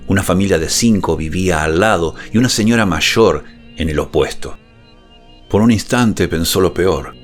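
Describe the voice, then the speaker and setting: A man narrating a scripted suspense horror story in a measured, dramatic way, speaking intimately close to the ear. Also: low voice. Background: music behind the voice.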